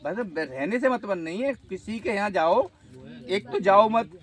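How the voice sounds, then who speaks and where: A man playing a shrine healer advises a visitor firmly and assertively, in a high-pitched, expressive, fairly bright voice that runs a little slow. He keeps promising results, repeating "guarantee," and checks "ठीक है?" to make sure he's understood.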